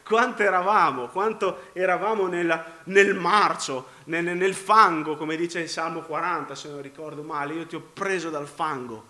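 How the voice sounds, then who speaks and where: A man preaching a sermon, congested and often clearing his throat, swinging between loud emphasis and low, quiet phrases and repeating his words. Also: steady tone, moderate pace, few pauses, roomy sound.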